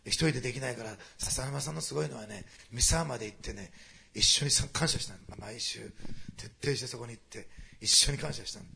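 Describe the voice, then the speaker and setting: Fast-talking gravelly male preacher. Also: medium pitch. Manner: fast, animated preaching that swings from hushed asides to loud climaxes. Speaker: pastor. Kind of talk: sermon.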